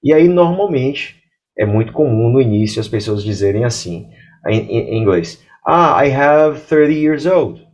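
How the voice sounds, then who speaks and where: A Brazilian Portuguese-speaking man teaching English grammar, explaining clearly and reading English example sentences slowly. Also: mid-range voice, lively intonation, darkish tone.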